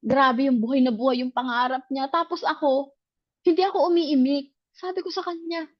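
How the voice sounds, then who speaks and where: A woman's voice: sits high, moderate pace, no echo, dull audio. A woman telling a personal story in casual testimony, animatedly acting out the dialogue she recalls. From grew up in the provinces. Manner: animated, acts out quoted dialogue. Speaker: speaker sharing a personal testimony.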